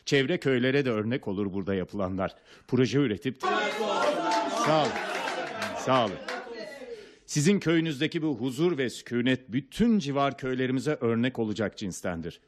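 An actor playing a gracious district governor in a radio play, speaking formally, like an official making a speech. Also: male voice, mid-range voice, expressive, fairly quick, over a noisy crowd, very noisy, lightly acted.

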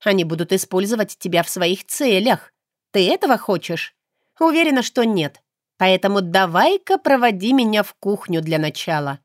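A woman voicing a stubborn, sarcastic young heroine in an audiobook, talking in a lively, indignant way. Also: normal speed, dry recording, studio quality, natural voice. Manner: lively, indignant, raised pitch. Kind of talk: audiobook character reading.

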